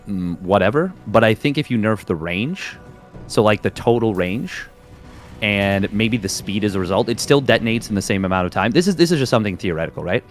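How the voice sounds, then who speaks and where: A man with a low voice co-casts a match, thinking aloud and circling back on his points. Soft music sits behind him. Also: animated, fairly quick. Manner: chatty, hedging, restarts his thoughts. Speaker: co-caster. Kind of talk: casual game commentary and analysis.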